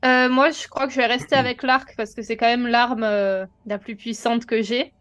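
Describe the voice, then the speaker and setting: A woman's voice: a little high, steady tone, normal speed, fairly bright tone, clean tone, no echo. A woman chatting casually as a player in a role-playing game, speaking a little hesitantly.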